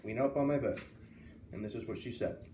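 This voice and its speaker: A man reads a children's novel aloud as a storyteller, his medium-pitched voice warm and a little fast. He acts out the dialogue expressively. The recording is roomy, with a distant mic and faint hiss.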